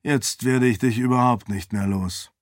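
A man's voice: mid-range voice, moderate pace, no echo, natural voice. A man voicing a big, laconic, wry and guarded man in an audiobook reading, speaking tersely and dryly. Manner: terse, dry.

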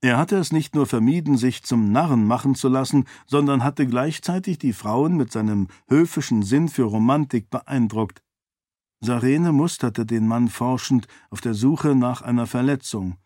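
A man narrating a novel in a steady, even storytelling manner, recorded on a close mic. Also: mid-range voice, moderate pace, no echo. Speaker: audiobook narrator. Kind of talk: scripted narration.

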